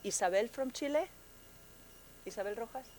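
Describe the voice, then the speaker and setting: Speaking in a conference room, a woman program manager offers a friendly conference talk full of pauses, fillers and restarts. She has a fairly high pitch with a darkish tone, and there's slight background noise.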